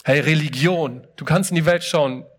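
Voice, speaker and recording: A man's voice: on the high side, normal speed. A man preaching a sermon in a casual, emphatic way, asking his listeners many rhetorical questions and often opening a phrase with "hey".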